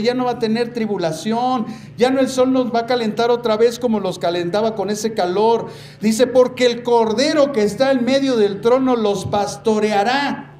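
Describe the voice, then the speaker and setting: A man preaching to his congregation with a rather high voice, pressing hard on his main points and drawing words out for weight. He keeps turning to the listeners as brothers. The sound is roomy, with a faint hiss behind it. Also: a little mellow. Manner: emphatic, slows down to stress key words. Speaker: pastor. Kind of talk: sermon. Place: church. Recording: echoey church room with faint noise.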